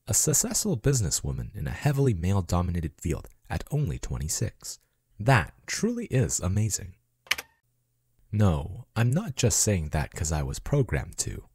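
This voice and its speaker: A man voices a loving robot chatbot companion in an ASMR roleplay, a tender, possessive character who is falling in love. Speaking in a deep, husky, mellow voice with animated pitch movement, he soothes and reassures with earnest affection in a heavily acted performance. The studio sound is clean with no echo.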